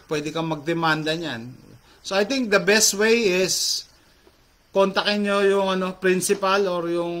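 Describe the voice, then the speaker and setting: Reading comments to his viewers in a relaxed chat, the talkative middle-aged host blends Tagalog with English and leans heavily on fillers. His voice is a touch higher than most men's and fairly bright.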